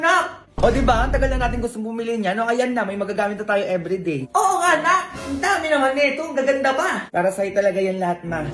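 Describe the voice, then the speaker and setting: Woman acting out comedy skits, roomy sound. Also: on the high side. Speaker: comedy sketch performer. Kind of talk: skit comedy acting many characters.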